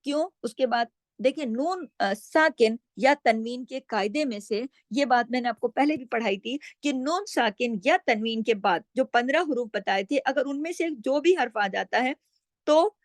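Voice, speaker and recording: A woman's voice: a little high, no echo. A woman teaching Quran recitation step by step. She patiently explains each sound and demonstrates how it is pronounced.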